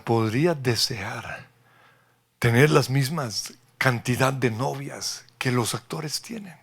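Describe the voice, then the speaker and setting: Slow gravelly preacher, dropping to whispers. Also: male voice, mid-range voice. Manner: slow, emphatic preaching with dramatic drops to a whisper. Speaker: pastor. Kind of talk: sermon. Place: church.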